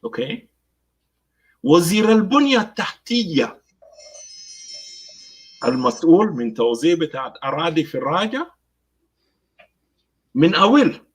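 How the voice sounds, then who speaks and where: A man's voice: on the high side, very animated, normal speed, pauses often, breathy edge, lo-fi sound. South Sudanese man giving commentary. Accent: South Sudanese Arabic. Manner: mixes Arabic with English phrases; hesitant, many fillers. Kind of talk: political commentary.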